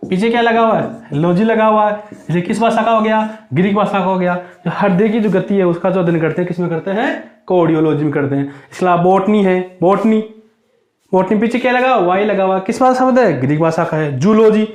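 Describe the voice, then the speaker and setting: A man teaching an exam-prep lesson, drilling students with repeated questions that rise and answers that drop low. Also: fairly quick, darkish tone. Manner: asks high and answers low. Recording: echoey room.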